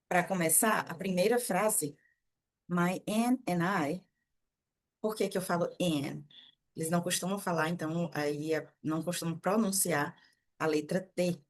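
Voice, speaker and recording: A young Brazilian woman, a native Portuguese speaker, teaching English and reading passages aloud slowly and clearly. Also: lowish voice. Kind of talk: language lesson with slow read-aloud.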